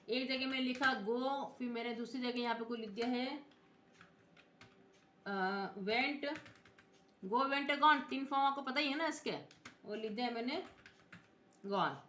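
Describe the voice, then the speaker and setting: A woman teaching computer software in speech, explaining each step and spelling out letters as she checks in with her viewers. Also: sits high, moderate pace, long pauses. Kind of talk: screen-recorded software tutorial. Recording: echoey room.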